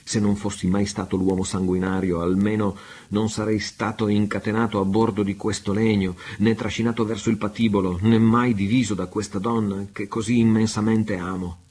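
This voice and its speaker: A grieving, defiant pirate captain speaks in a deep, husky register, as a man reads him aloud. His delivery is declamatory and low, with little rise and fall. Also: little pitch movement, moderate pace, a little mellow. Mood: anguished. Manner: impassioned, declamatory.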